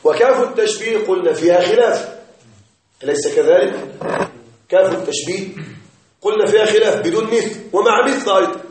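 A man teaching a grammar lesson in a classroom, explaining slowly, repeating points and checking that his students follow. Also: sits high. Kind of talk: classroom lecture on Arabic grammar. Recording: very echoey room, voice far from mic.

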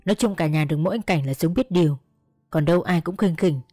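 A woman storyteller narrating a first-person tale in a steady, measured, earnest way. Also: lowish voice, dry recording, studio quality, faint music behind.

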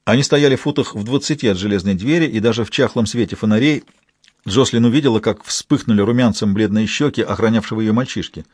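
A man narrating a novel as an audiobook in a measured storytelling manner, with a husky voice. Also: lowish voice, a little mellow, no echo.

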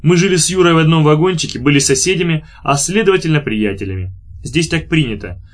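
A man narrating an audiobook in a measured, even reading voice. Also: fairly high pitch. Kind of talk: scripted narration.

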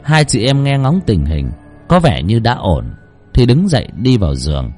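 Husky male horror storyteller. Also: mid-range voice, big pitch swings, normal speed, darkish tone, faint music behind. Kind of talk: storytelling narration.

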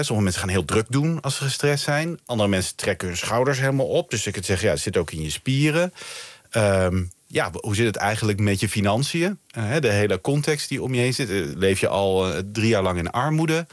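A man's voice: on the low side, lively intonation, fairly quick, no room sound. A Dutch-accented man, a researcher guest on a night radio interview, explaining thoughtfully with many fillers and restarts. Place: radio studio. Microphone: studio mic.

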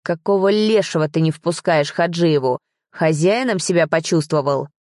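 A furious, authoritarian father, as a woman reading an audiobook puts him on, lecturing slowly and menacingly. The voice sits low and dark, and the recording is dry. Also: dry recording, close to an everyday voice. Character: angry stern father, hissing and authoritarian. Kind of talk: audiobook character voice.

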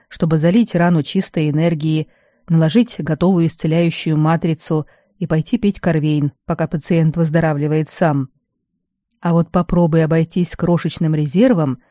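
A reader voicing a weary male garrison healer who scolds at first, then speaks with fatherly gentleness. The recording is dull and dry. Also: on the high side, no echo, natural voice. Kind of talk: audiobook character voice.

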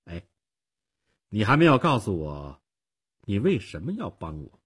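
A man's voice: lowish voice, wildly swooping pitch, measured pace, breathy edge, exaggerated voice. A man playing a suspicious young male fugitive who talks in a guarded, grudging way in a storytelling performance.

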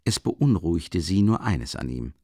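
A man narrating an audiobook in an expressive, storytelling manner. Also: deep voice, normal speed, no echo, clean studio sound.

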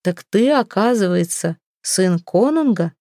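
A proud young warrior, still weak from illness, answers in a slow, clear and measured way, as a woman reads his part. The voice is mellow and dark, recorded close and dry. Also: fairly low pitch, no room sound, close to an everyday voice. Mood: cool mockery. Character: proud young man, a sick guest, calm and dignified.

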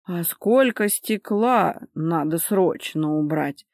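A woman voicing a fussy older housekeeper who laments and fusses in a drawn-out way. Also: lowish voice, lively intonation, darkish tone, no room sound, studio quality. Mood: fussing. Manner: fussing and lamenting.

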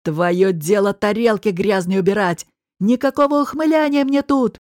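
A woman reading an audiobook voices a bullying male restaurant boss who barks threats in a lowered, slow voice. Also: darkish tone, no echo, studio quality, natural voice. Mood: furious. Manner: barking, threatening.

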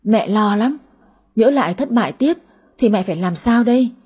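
A woman's voice: on the high side, expressive, normal speed, darkish tone, slightly rough, muffled recording. A woman playing a nagging, fussing mother. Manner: nagging, complaining.

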